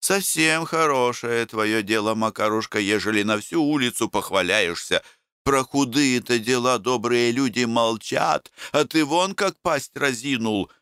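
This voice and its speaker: A male reader voicing a kindly village woman who gently coaxes, in a folksy way. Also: mid-range voice, unhurried, smooth, no room sound, clean studio sound, voice pushed up. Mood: coaxing. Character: kindly elderly village woman, coaxing, caring.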